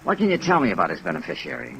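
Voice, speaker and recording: An actor playing a wry, hard-boiled American insurance investigator, clipped and laconic, in 1950s radio detective style. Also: male voice, sits low, wildly swooping pitch, very fast, gravelly, a bit bright, exaggerated voice. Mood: probing, low-key. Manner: clipped, laconic, matter-of-fact. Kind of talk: 1950s radio detective acting, first-person narration. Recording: noisy vintage 1950s radio recording.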